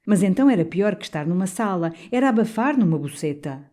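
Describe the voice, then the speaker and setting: A woman narrating a classic novel as an audiobook, reading in a measured, expressive way. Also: mid-range voice.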